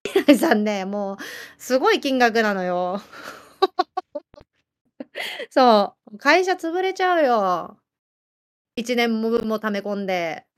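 A woman with a Kyushu accent chatting casually as a livestream host, lively and laughing often while answering viewer comments. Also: fairly high pitch, slow, long pauses. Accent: Kyushu Japanese. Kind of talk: casual chat.

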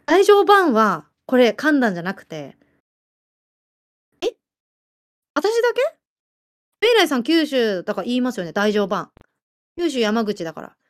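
A woman with a Kyushu accent chatting casually as a livestream host, lively and laughing often while answering viewer comments. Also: a little high, moderate pace, long pauses. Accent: Kyushu Japanese. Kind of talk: casual chat.

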